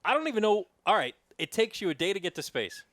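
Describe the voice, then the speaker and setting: A man's voice: high voice, very animated, fast talker, a bit bright, no room sound. A man with a New York accent co-hosting a podcast, teasing his friend with hypothetical questions in casual banter. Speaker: podcast co-host.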